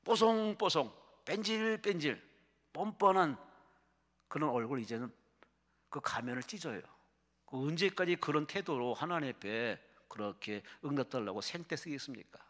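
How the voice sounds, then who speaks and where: A male pastor delivering a dramatic sermon, swinging between loud, fervent exclamations and hushed, storytelling passages. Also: fairly high pitch. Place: prayer retreat sanctuary. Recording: long hall reverb.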